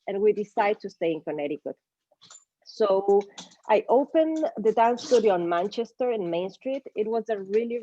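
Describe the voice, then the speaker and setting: A woman's voice: medium pitch, mellow, no echo, dull audio. A middle-aged woman from Ecuador, a native Spanish speaker, telling her career story as an interview guest in an easygoing way with some non-native grammar. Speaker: guest, marketing business owner.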